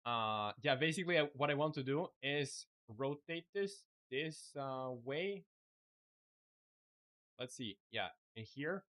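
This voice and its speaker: Relaxed and heavy on fillers, a young man from Chile, whose first language is Spanish, muses aloud while developing his game on a live stream. He talks casually at medium pitch and a slow pace.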